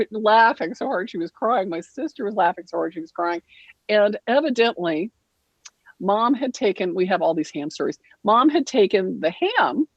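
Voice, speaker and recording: A woman casually telling a funny family holiday story. She laughs often and jumps into high voices when she acts out her relatives. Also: dry recording, muffled recording. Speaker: guild member sharing a story.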